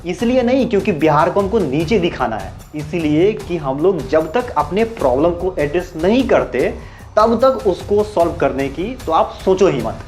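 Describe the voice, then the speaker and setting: A man's voice: a little high, big pitch swings, normal speed, darkish tone, faint music behind. Earnest man explaining his view. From Bihar, India. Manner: earnest, asks rhetorical questions, mixes English terms. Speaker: YouTube commentator. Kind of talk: explanatory social commentary.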